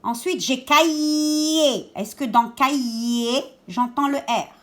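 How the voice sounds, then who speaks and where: A woman teaches a lesson to young children in a fairly high voice. She speaks very slowly and deliberately, stressing single sounds and repeating each word twice. She gives calm step-by-step instructions. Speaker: schoolteacher.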